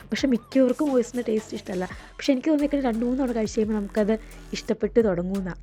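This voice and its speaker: A woman's voice: medium pitch, mellow. A woman gives casual travel vlog narration as a vlogger.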